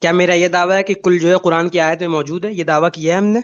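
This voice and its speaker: Man, cleric in a debate, raised pitch, dull lo-fi call sound, combative, dismissive. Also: steady tone. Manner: combative, cites Arabic rules, dismissive. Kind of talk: heated online debate.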